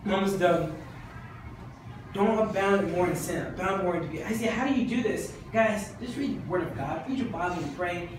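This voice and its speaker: A man with a high voice preaches a sermon, driving his points home by repeating them again and again. He sounds distant from the microphone in a very echoey church hall, with faint background noise. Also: normal speed. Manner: impassioned, repetitive exhortation.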